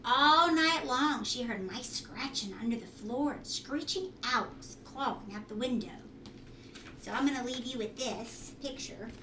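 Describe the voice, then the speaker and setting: A woman with a fairly high, unhurried voice reads a children's storybook aloud at home, teaching as she goes and asking her listeners questions. The recording is roomy, with a distant mic and faint noise.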